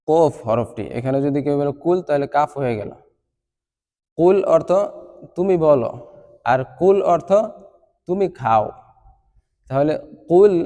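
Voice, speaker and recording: A Bengali-speaking man teaching Arabic letter pronunciation, drilling syllables slowly and chanting recitation. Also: a little high, warm tone, in a large hall.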